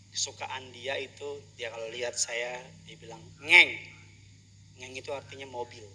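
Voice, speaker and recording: A male pastor delivering a humorous sermon, telling jokey stories and building up to loud preaching. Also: mid-range voice, a little hiss or hum.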